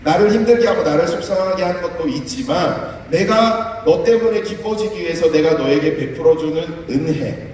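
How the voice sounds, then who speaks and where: A man voicing a gentle, fatherly God who talks in a soft, low, reassuring way, heard from far off in an echoey church hall. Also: moderate pace, a little hiss or hum, lightly acted. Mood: gentle, soothing.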